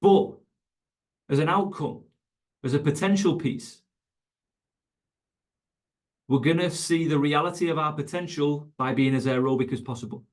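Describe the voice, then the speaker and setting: A man's voice: fairly high pitch, normal speed, pauses often. A man teaching coaches in an online webinar, emphatic and conversational, repeating his key points. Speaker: fitness coach educator.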